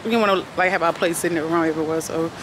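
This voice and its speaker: A woman's voice: sits low, fairly even intonation, rapid-fire. A young woman vlogging casually at an arcade and restaurant, holding the camera at arm's length and chatting playfully with her viewers. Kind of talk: casual vlog chat. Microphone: handheld camera at arm's length. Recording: loud arcade with music and crowd noise. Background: loud music and crowd.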